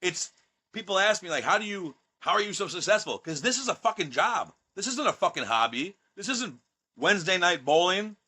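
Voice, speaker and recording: Brash, boastful man in his thirties, swears freely, voice sits a bit high and bright. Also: sing-song, brisk, husky. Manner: brash, profane and boastful, with mocking put-on voices. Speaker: guest, pro wrestler. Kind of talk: casual podcast chat.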